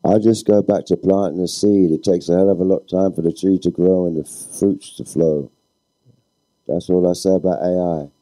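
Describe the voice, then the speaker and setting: A man's voice: sits low, steady tone, moderate pace, warm tone, no echo, rough recording. A man speaking on a live panel in a laid-back, philosophical way. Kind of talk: panel discussion.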